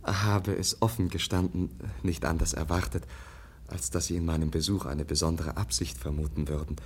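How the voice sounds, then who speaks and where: A gentle naive russian prince, low voice, super polite, hesitant, radio play. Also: male voice, fairly even intonation, normal speed, husky. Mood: hesitant, courteous. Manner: polite, hesitant, earnestly over-explaining. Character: courteous, naively candid, humble young Russian prince. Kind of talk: German radio drama acting.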